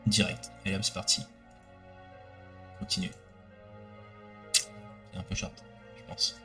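A man's voice: deep voice, flat delivery, measured pace, bright, forceful tone. A man playing a tabletop game, joking around and thinking aloud about his moves. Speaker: player. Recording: distant mic, faint music.

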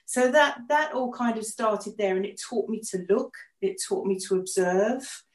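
A woman's voice: medium pitch, unhurried. An older English woman co-hosting a casual podcast chat, telling stories in a chatty way and laughing often. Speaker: co-host and artist. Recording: echoey room.

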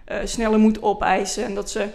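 Flat-voiced woman analyzing football. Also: medium pitch, a little fast, creaky. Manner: analytical, explains at length. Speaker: women's football pundit. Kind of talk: casual podcast discussion.

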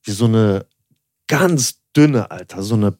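Taking it slowly, a young male podcast co-host rambles through a casual story, sprinkling in "so" and "ne" and acting out both parts of the dialogue in quotes. His voice is on the low side, animated and a little mellow. The sound is studio quality with no room sound.

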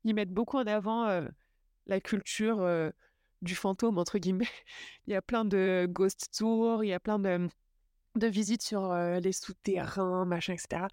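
A young woman hosting a podcast, chatting enthusiastically about a trip, with lots of fillers and quick asides. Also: mid-range voice, fairly even intonation, darkish tone, smooth, no echo, clean studio sound. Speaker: podcast host. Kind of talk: casual travel chat.

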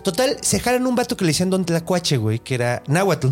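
A man with a Mexican accent tells a horror legend in loose, profane slang. His voice is somewhat high, and he jumps into character voices for the quoted lines. Faint music plays in the background. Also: sing-song, fast talker. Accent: Mexican Spanish. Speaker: podcast host, storyteller. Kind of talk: casual storytelling chat.

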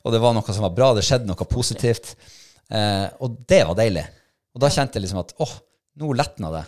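Lively man telling a story. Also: on the low side. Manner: animated, acts out his own thoughts and shouts. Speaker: podcast co-host, hunting dog handler. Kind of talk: casual storytelling chat.

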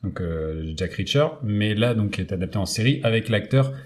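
A man's voice: lowish voice, expressive, normal speed. A man co-hosting a casual film podcast, making dry teasing quips. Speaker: podcast co-host. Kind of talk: casual chat about films.

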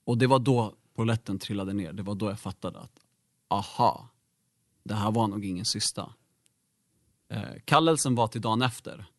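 A man's voice: on the low side, pauses often, dry recording, studio quality. A young man, a guest in an interview, telling a personal story in a candid, reflective way with many fillers.

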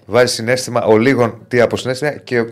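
A man's voice: mid-range voice, fairly even intonation. A man from Greece who works as a sports commentator, arguing emphatically in a talk show. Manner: emphatic, acts out commentary lines. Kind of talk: heated sports banter.

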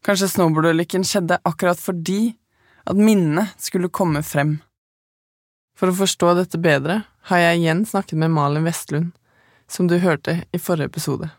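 A woman, the podcast's narrator, telling her own story in calm, measured, scripted first-person narration. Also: on the low side, dry recording, clean studio sound.

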